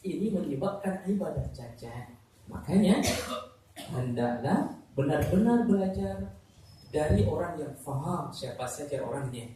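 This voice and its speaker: A man preaching in a hall with heavy echo, picked up from a distance. He talks in a lively, humorous way and keeps asking his listeners questions. A faint noise runs underneath. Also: a little high, unhurried. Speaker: Islamic preacher. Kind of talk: sermon to pilgrims.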